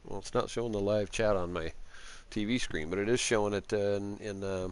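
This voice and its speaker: A man streaming a video game live, chatting casually and halting with fillers while he sorts out a friend's microphone. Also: lowish voice, steady tone, clear, resonant tone.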